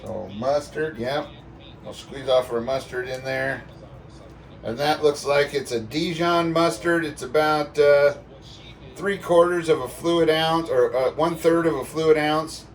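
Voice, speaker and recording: In an unhurried, higher-side voice, a home cook talks viewers through a recipe during a casual cook-along. He's folksy and playful, full of sound effects and exclamations, and the audio comes from a distant mic with a little background noise.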